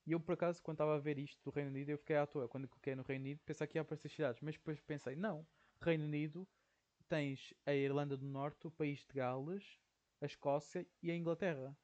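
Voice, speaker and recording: A man's voice: a little high, steady tone, quick pace, a little mellow. Young Portuguese man hosting his own podcast, chatty and rambling with a European Portuguese accent, lo-fi home recording. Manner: rambling, says "ok?" constantly, slangy. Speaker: podcast host. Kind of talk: casual solo podcast monologue.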